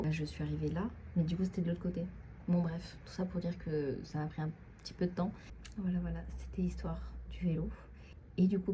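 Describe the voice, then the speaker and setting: A woman's voice: deep voice, warm tone, a little hiss or hum. A young woman vlogger telling a casual, rambling story with many fillers, sometimes dropping to a whisper. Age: young adult. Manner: chatty, rambling, frequent fillers and asides.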